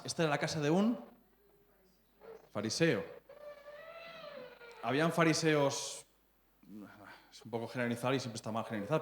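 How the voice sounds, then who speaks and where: In an echoey church hall, a Spanish man in his thirties delivers a sermon in a conversational style. He speaks at a medium pitch, checks in often with the congregation, and stumbles and repeats words as he searches for the right phrasing.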